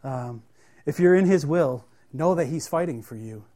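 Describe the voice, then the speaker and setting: A male preacher giving a sermon in a plain, conversational voice. He reads the scripture passages aloud, then explains them with lots of pauses, fillers and restarts. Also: fairly high pitch, lively intonation, mellow. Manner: plain-spoken, halting, many fillers and restarts.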